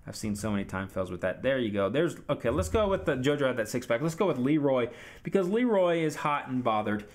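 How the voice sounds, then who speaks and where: A man talking through a strategy game replay in a relaxed, chatty way. He coaches viewers and talks straight to them. His voice sits at an ordinary middle pitch. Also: brisk. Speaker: video game commentator. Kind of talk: casual gameplay recap commentary.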